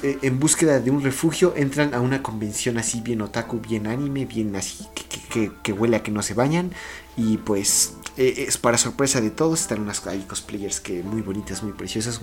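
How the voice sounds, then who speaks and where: A man, co-hosting a podcast, recapping an anime in casual chat. He rambles playfully with lots of fillers. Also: mid-range voice. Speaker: podcast co-host.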